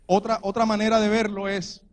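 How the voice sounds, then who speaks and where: Man, Colombian accent, high-pitched, earnest sermon delivery, emphatic exhortation. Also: flat delivery, a little fast. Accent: Colombian Spanish. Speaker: preacher.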